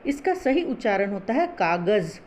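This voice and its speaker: A woman teaching a Hindi class, explaining pronunciation slowly and patiently, spelling out sounds syllable by syllable. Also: a little high, expressive, darkish tone, slight background noise.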